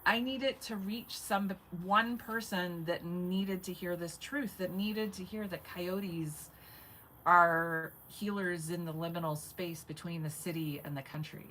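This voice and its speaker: A woman's voice: fairly low pitch, fairly even intonation, unhurried, sharp tone, slight background noise, low-quality recording. A woman in her forties talking in a rambling, chatty live-stream monologue, swearing casually and laughing often. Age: 40s. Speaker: vlogger.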